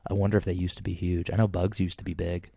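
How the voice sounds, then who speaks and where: A young man co-hosting a casual podcast, rambling and animated, with lots of fillers. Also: low voice, fast, no echo. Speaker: podcast co-host. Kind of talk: casual chat.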